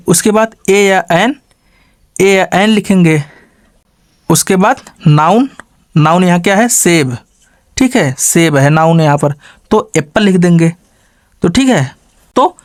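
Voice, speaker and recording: A man teaching an English grammar lesson. He asks questions and answers them himself, adds a quick "okay" after every step, and slows down to spell out example sentences word by word. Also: high voice, no echo, studio quality.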